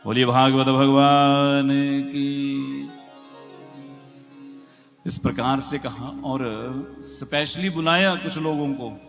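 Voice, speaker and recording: A male preacher speaks slowly and emphatically through a loudspeaker system with a heavy, cave-like echo trailing every word. Clear devotional music plays beneath his sermon as he turns to the listeners with questions. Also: medium pitch. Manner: rhetorical, asks the audience questions, slow and emphatic. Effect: heavy echo on the sound system. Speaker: Bhagavat katha preacher. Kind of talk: devotional sermon with scripture verses. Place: large devotional gathering with an audience. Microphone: microphone through a loudspeaker system.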